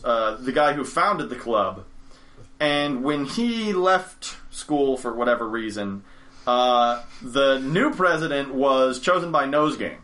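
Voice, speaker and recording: A man's voice: mid-range voice, fairly bright tone. A young man chatting on a podcast as a storyteller, rambling and correcting himself as he goes. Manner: rambling, self-correcting, chuckles often. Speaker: game store owner, podcast storyteller. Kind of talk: casual podcast chat. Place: studio.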